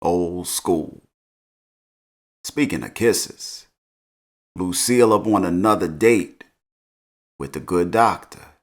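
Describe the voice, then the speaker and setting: A man's voice: deep voice, slow, long pauses. A middle-aged man recapping a TV episode in a laid-back, slangy storytelling way, chuckling as he goes. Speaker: TV recap host. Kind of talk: casual show recap.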